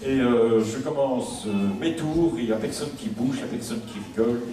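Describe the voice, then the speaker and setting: A man's voice: mid-range voice, brisk, warm tone. A man performing live as a stage magician, telling anecdotes in a chatty showman's patter with repeated phrases. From Belgium. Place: large indoor show hall. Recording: very echoey hall, distant mic, audience noise. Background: audience.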